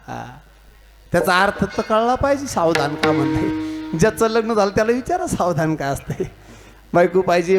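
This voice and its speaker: A man with a Marathi accent, preaching a devotional kirtan full of jokes, stories and acted-out dialogue. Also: high voice. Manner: storytelling with jokes and mimicry, teasing the audience. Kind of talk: humorous devotional sermon.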